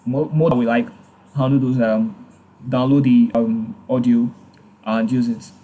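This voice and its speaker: A man hosting a casual software tutorial, hesitant, with many fillers and restarts. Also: mid-range voice, steady tone, a little slow. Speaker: tutorial host. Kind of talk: casual screen-recorded tutorial.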